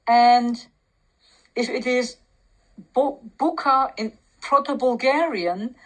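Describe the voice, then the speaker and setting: A woman with a Turkish accent, a Turkish native speaker, reading aloud from a text and commenting on it with pauses, fillers and restarts. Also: fairly high pitch, low-quality recording. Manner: reads aloud slowly, pausing, many fillers and restarts. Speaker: language commentator.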